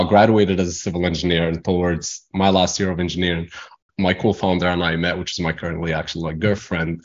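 A man's voice: low voice, highs cut off. A young man from Morocco whose first language is not English, talking as a guest in a casual interview, rambling with many fillers and restarts. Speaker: guest entrepreneur.

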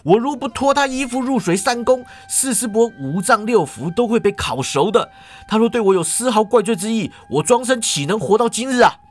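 A man's voice: on the high side, lively intonation, normal speed, faint music behind. A man voicing an earnest young martial-artist healer who protests his innocence, pleading and flustered. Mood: defensive.

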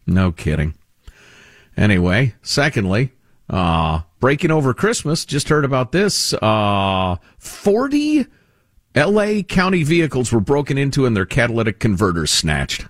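A male talk show host delivering sarcastic, opinionated commentary. His pitch swings widely as he talks, often restarting his sentences. The recording is dry and close to the mic. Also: unhurried, dry recording. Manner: sarcastic and animated, with frequent restarts.

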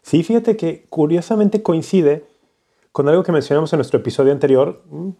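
A man's voice: on the high side, a little fast, creaky, dark tone, husky. A man co-hosting a casual podcast, explaining points patiently and teasing his co-host playfully.

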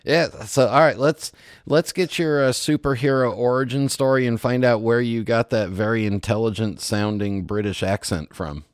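Male radio show host, mid-pitched, playful and teasing, close dry mic. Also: normal speed, dry recording. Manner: jokey, teasing, laughs a lot. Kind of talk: radio interview hosting.

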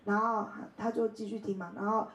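A woman's voice: medium pitch, a little fast, echoey room, low-quality recording. A woman in her thirties from Taiwan, speaking, tells personal stories at a bookstore talk, often laughing and acting out other people's voices. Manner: animated, laughs often, acts out quoted voices. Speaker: invited speaker. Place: bookstore event space.

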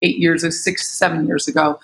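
A middle-aged American woman in casual panel talk, an animated storyteller who acts out what people said. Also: sits low, normal speed, a little hiss or hum, low-quality recording. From United States. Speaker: panel guest.

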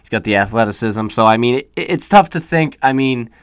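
Young dude talking nba awards, mid voice, dead dry mic, keeps saying you know what i mean. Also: male voice, medium pitch, lively intonation, brisk, clean tone, no room sound. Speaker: podcast co-host. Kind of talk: casual sports chat.

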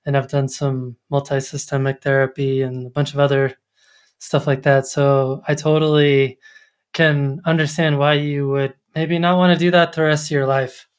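A man's voice: medium pitch, little pitch movement, moderate pace, smooth. A man hosting a photography podcast, talking casually with lots of fillers and restarts. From Colorado. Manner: chatty, many fillers and restarts. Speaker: podcast host. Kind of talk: casual interview.

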